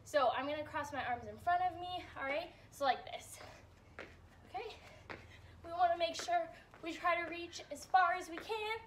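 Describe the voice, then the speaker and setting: A young woman teacher leading warm-ups and stretches for kids, upbeat and a bit out of breath, checking in often. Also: extremely high pitch, distant mic, slight background noise. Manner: upbeat coaching, checks in with "all right?". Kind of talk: guided exercise instruction.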